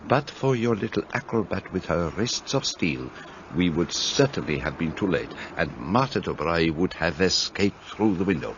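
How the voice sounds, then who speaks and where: In a radio play, an actor portrays a shrewd, fussy Belgian detective who explains his reasoning precisely and courteously. The male voice is low-pitched with big pitch swings at a normal speed, and the sound is lo-fi with background noise.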